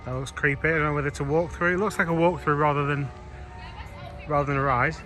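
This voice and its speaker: A man's voice: a little high, fairly even intonation, quick pace, a little hiss or hum. A man vlogging outdoors at a theme park, thinking aloud in a casual, understated, observational way. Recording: loud music behind the voice. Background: loud music.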